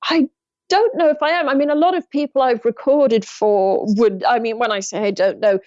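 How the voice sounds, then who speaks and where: Chatty woman drummer, slightly high voice. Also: moderate pace, a little mellow, no echo, lo-fi sound. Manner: chatty, laughs often, restarts sentences. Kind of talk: casual interview chat.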